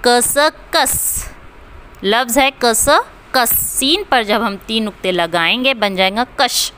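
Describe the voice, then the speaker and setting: A woman teacher talks very slowly and deliberately, spelling each word out sound by sound and then saying it again for the class to repeat. Her voice is bright and crisp, pitched a little high, with clean, clear diction. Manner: spells out words letter by letter and repeats them for pupils. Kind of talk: slow classroom reading lesson.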